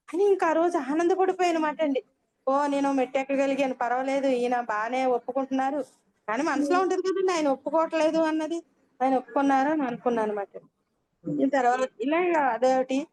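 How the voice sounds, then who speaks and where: A woman's voice: sits high, a little mellow. An older woman earnestly telling her meditation experience as a personal testimony, closing her sentences with polite endings. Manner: earnest storytelling, frequent polite "andi" endings.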